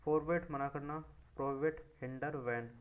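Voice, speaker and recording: A man with an Indian accent reading English vocabulary lists slowly and explaining the words in quick Hindi asides. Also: fairly high pitch, fairly even intonation, clear, resonant tone, lo-fi sound. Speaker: exam vocabulary teacher.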